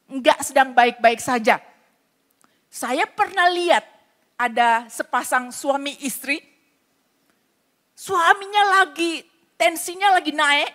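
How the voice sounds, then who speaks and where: High-voiced woman pastor preaching. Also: sharp tone. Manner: earnest, explains with everyday stories and acted quotes. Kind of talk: sermon. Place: church.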